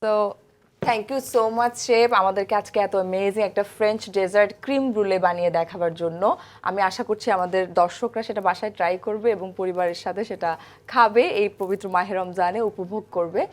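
A woman's voice: mid-range voice, moderate pace. A young woman hosting a televised cooking segment, chatty and upbeat, often dropping in English phrases. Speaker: TV cooking show host.

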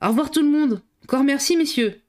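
A woman voicing a humble, eager male museum guard who shouts with loud, drawn-out exclamations. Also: medium pitch, close to an everyday voice. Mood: excited.

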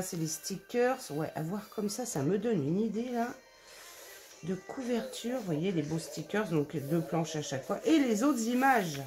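A woman vlogger casually showing her scrapbooking haul, gushing over each paper with lots of fillers and calling her viewers affectionate names. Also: medium pitch. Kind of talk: casual product haul show-and-tell.

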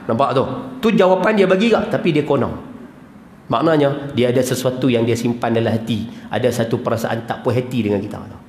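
A man's voice: mid-range voice, a little fast, darkish tone, a little hiss or hum. A man giving a folksy, playful religious lecture, repeating words for emphasis. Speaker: religious teacher. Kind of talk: mosque lecture. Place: large prayer hall. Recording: echoey hall with long reverb.

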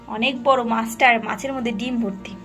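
A woman vlogger chatting casually to her viewers from her family home, lively and direct. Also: fairly high pitch, normal speed, soft background music. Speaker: vlogger and mother.

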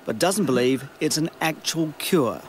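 A man with a New Zealand accent reads a television news report in a measured, scripted manner. His voice sits somewhat high for a man. A faint hiss runs under the recording. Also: animated.

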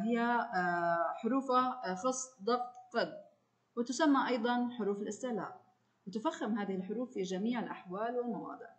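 Brisk woman teacher giving a lesson. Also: mid-range voice. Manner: brisk, addresses the student directly, frequent filler sounds. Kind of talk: recorded online lesson.

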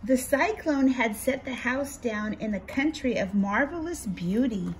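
A woman's voice: on the high side, expressive, a little slow, slight background noise, poor audio. A woman reading a children's storybook aloud, lifting her voice a little for quoted lines and sometimes stumbling and restarting a word. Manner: reads quotes with small lifts, a few slips and restarts. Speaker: reader.

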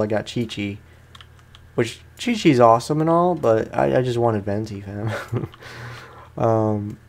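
This let's play host, a gaming content creator, plays in a room at home while chatting to viewers in casual, rambling slang. His voice is lowish with a darkish tone.

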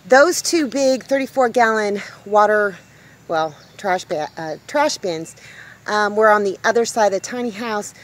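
A woman in her fifties, a homesteading vlogger, speaks a little slowly in a mid-range voice as she walks a handheld camera through her garden. The setting is a rural yard next to a tiny house, and the vlog is casual and outdoors. She's upbeat and chatty, exclaiming over small discoveries.

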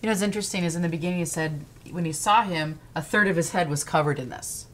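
A woman's voice: fairly low pitch, fast, a little hiss or hum. A woman co-hosting a podcast, chatting in a casual and agreeable way. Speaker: podcast co-host. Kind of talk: casual commentary.

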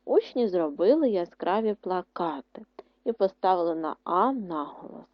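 A woman teaches a primary school class, her pitch rising and falling a lot as she spells out words slowly and stresses each syllable clearly. The recording is dry and dull, with a lo-fi sound. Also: expressive, dry recording. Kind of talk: online lesson explanation.

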